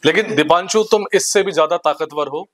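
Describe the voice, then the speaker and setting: A young man giving a motivational seminar talk to students in an institute hall, energetic and teasing, ordering the crowd about. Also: a little high, fairly quick. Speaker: motivational speaker.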